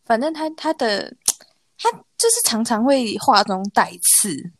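Woman, 20s, Taiwanese Mandarin accent, bright-pitched teasing co-host with a lively voice. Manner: teasing, quick interjections, laughs often. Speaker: podcast co-host. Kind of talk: casual chat.

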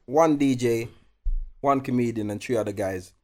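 A man's voice: medium pitch, normal speed. A man hosting a podcast with casual comic banter, teasing and asking questions as if reasoning things out. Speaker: podcast host.

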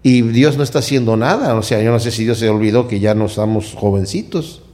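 A man's voice: fairly low pitch, steady tone, brisk, warm tone, voice pushed down, lightly acted. A man voicing an impatient elderly wife who nags and coaxes her husband. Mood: complaining. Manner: nagging, coaxing.

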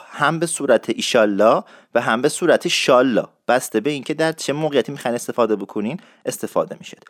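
A man teaching dialect expressions, explaining in a lively way and repeating words slowly for learners. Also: medium pitch, no room sound, clean studio sound. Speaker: language teacher.

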